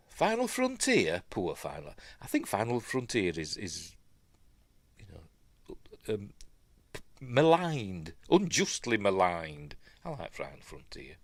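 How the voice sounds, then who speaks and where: A man with a Yorkshire accent and a low-sitting voice, captured in a dry recording, hosts a live news stream while sniffly from a stuffy nose. He rambles chattily, interrupting himself with asides and mumbled afterthoughts.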